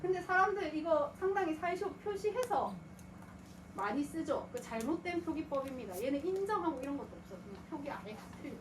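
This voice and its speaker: A woman with a high, animated voice speaks a little fast as she lectures on grammar, asking questions and answering them herself, sometimes voicing a student. The mic is at a distance in an echoey room with a noisy background.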